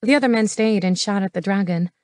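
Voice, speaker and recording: A woman reading an audiobook as its narrator, steady and matter-of-fact. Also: medium pitch, brisk, no room sound. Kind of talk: scripted narration. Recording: dry studio voice.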